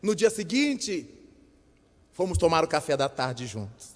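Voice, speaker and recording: An older man giving a spiritist lecture, telling a story with lively acted-out dialogue. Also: fairly high pitch, unhurried. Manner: lively storyteller, acts out voices in quotes. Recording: long hall reverb.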